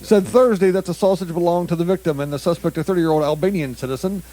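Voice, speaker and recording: A comedy podcast co-host with a somewhat high, mellow voice reads bizarre headlines to his partner at a quick pace in loose, joking news banter. He trips over foreign words and bursts out laughing mid-sentence.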